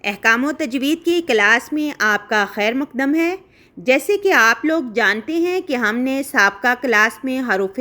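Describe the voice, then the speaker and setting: A woman's voice: sits high, bright, forceful tone. A young woman teaching a recitation class, explaining step by step and asking questions she then answers herself.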